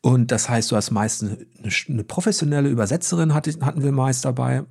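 A man's voice: medium pitch, fairly quick, vocal fry, darkish tone, husky. A man, a journalist, speaking frankly and with opinions in a casual conversation.

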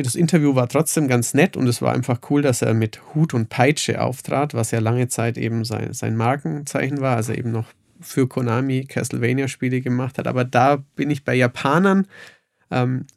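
Gravelly-voiced man, chatty and rambling. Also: medium pitch, darkish tone, no room sound, studio quality. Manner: rambling with many fillers and restarts. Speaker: games journalist. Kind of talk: casual conversation.

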